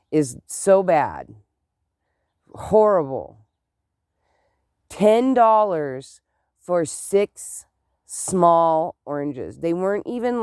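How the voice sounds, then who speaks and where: A vlogger with a head cold talks slowly and loosely to camera, wandering between thoughts and exclaiming often in a chatty, rambling way. The mid-range voice is mellow and smooth, with a congested, nasal edge from a stuffed-up nose and clogged ears. The recording is dry and close.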